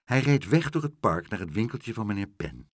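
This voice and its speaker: A man reads a children's story aloud in a low, husky voice, taking his time. His reading swings widely in pitch, and the close, dry recording has no room echo. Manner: slow, expressive reading.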